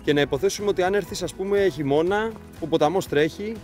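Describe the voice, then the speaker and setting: Young male hiker-vlogger, slightly high voice, chatty and jokey, camera mic outdoors, faint music underneath. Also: a little mellow. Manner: chatty, jokey, explains the trail to viewers. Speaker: vlogger leading a hike. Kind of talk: casual outdoor vlog narration. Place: forest trail outdoors. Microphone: handheld camera mic.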